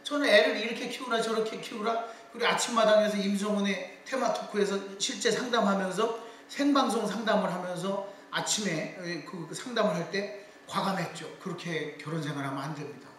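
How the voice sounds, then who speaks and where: A man's voice: high voice, moderate pace. Middle-aged guy giving a lecture, tells stories and does voices, echoey room, faint hiss. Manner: lively storytelling with quoted voices. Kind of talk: lecture on public speaking. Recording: echoey hall, voice from far off.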